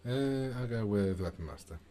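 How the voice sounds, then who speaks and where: Deep-voiced man muttering gameplay commentary. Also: expressive, normal speed, mellow. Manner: muttering, thinking aloud. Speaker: gaming streamer.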